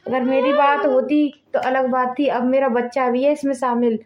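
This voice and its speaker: A woman's voice: high-pitched, flat delivery, moderate pace, highs cut off, close to an everyday voice. A woman plays an angry, threatening pregnant girlfriend in a home-made family drama. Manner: accusing, threatening.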